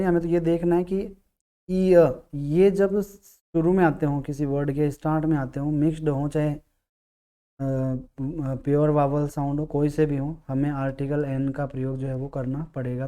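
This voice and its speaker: A man teaching English grammar, explaining patiently, repeating key words and sounding out vowels slowly. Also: on the high side, warm tone, clean tone. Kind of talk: classroom-style explanation.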